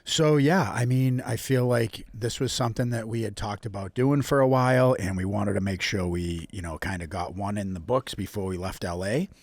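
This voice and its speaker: A young man with a Boston accent hosts a laid-back podcast chat in a low, gravelly voice. He rambles along with plenty of fillers, and his tone is husky and recorded close and dry. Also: moderate pace, few pauses, a little mellow, no room sound. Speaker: podcast host. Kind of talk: casual chat.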